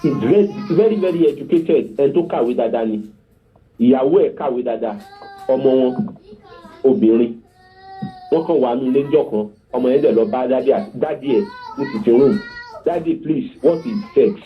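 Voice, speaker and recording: A man's voice: medium pitch, quick pace. A man with a Yoruba accent gives an earnest teaching talk as a guest on parenting. He tells anecdotes and often checks that his listener is following. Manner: earnest, instructive, often asks the listener to confirm. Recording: phone-like narrow line.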